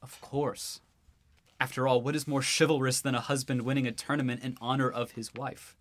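A man's voice: medium pitch, flat delivery, normal speed, no room sound, natural voice. A man voicing a cocky, teasing young prince and husband in a student radio drama.

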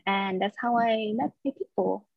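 Guest, woman, 20s, from Thailand, upbeat and talkative; middle pitch, slightly muffled dry recording. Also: normal speed, vocal fry, no room sound. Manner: chatty and upbeat, laughs between stories. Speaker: podcast guest. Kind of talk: casual interview chat. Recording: slightly dull dry sound.

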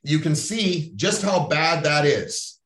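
A middle-aged Canadian podcast host delivers a blunt, profane motivational monologue in a coaching tone. His voice is a little high and a bit bright, with lively intonation and a slow pace. The roomy recording has the mic set at a distance.

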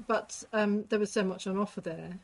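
A woman's voice: mid-range voice, fairly even intonation, moderate pace, creaky. A middle-aged or older woman chatting casually and reflectively, often qualifying her thoughts as she goes. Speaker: writer in conversation. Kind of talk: casual chat.

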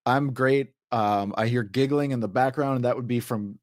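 A man's voice: medium pitch, normal speed, dry recording, studio quality. A man hosting a casual podcast panel in an easygoing, self-deprecating way, with plenty of fillers. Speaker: podcast host.

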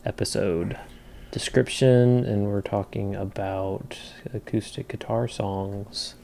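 Man, podcast co-host, casual chat, easygoing, low voice, gravelly. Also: steady tone, slow pace, warm tone, slight background noise. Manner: easygoing, agreeable, self-correcting.

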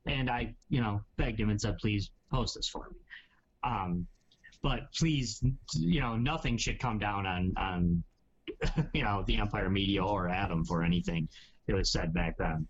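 A man's voice: fairly low pitch, a little slow, slightly rough, dull audio. A man hosting a casual podcast chat, talking in rambling, hedging sentences full of asides. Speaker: podcast host.

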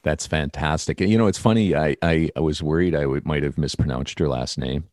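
American male podcast host, very low voice, dry close sound, long winding questions. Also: a little fast, a little mellow, dry recording. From United States. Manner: rambling, self-correcting questions. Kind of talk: casual interview chat. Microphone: call recording.

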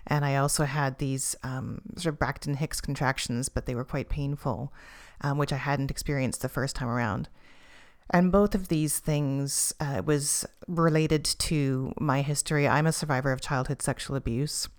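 A woman in her forties, a podcast guest, telling her personal story calmly and candidly. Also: very deep voice, moderate pace. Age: 40s.

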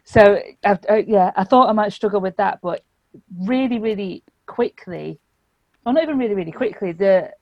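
Woman in casual, expressive film chat. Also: medium pitch, normal speed, no echo, dull audio. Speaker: podcast guest.

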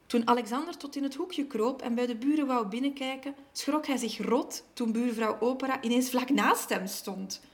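A woman reading a children's story aloud in an expressive, measured way. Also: on the high side.

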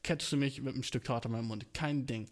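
A man's voice: medium pitch, steady tone, quick pace. A young man ranting in a casual, comedic way, full of slang, English words and swearing, with playfully exaggerated outrage.

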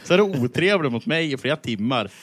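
A man's voice: mid-range voice, expressive, a bit bright, husky, no echo, clean studio sound. A man co-hosting a casual podcast, teasing and joking with his friend. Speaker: podcast co-host.

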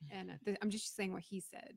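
Middle-aged woman from Florida; gravelly, mid-pitched voice; casual guest who acts out quoted voices. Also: flat delivery, fairly quick, a little mellow, no room sound. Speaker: guest, business owner and veteran. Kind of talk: casual storytelling interview.

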